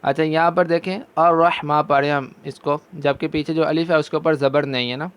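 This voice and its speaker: Man, Pakistani Urdu accent, recitation teacher, smooth resonant voice, slightly high, slow chanted verses. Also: fairly even intonation. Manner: slow drawn-out chanting of verses between brisk explanations. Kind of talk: recitation lesson.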